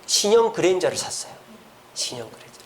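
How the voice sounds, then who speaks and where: A man's voice: high voice, big pitch swings, a little fast, a little hiss or hum. A man preaching a sermon as pastor, telling a story with acted quotes in a church. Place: church sanctuary.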